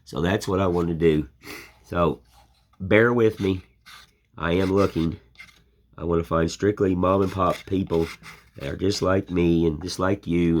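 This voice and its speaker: Showing his woodcarving during a casual chat, an older American channel host rambles in a folksy, plainspoken manner. His voice is low, and there's slight background noise.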